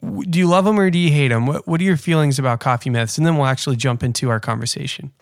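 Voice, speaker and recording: Brief: male podcast host, mid-pitched, easygoing, dry studio sound. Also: fast, no echo. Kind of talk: scripted intro then casual interview.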